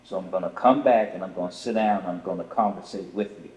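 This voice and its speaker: A man's voice: sits low, fast, darkish tone, a little hiss or hum. An older man talking earnestly about raising his son, in a casual podcast conversation. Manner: earnest, fatherly, emphatic. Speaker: father of the co-host. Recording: echoey room with long reverb.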